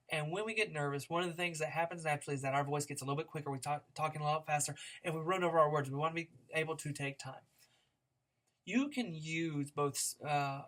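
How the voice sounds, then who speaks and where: In this recorded lecture, a man who teaches speech talks casually and demonstratively, changing how fast, how high and how loud he speaks to make his points, with plenty of fillers and false starts.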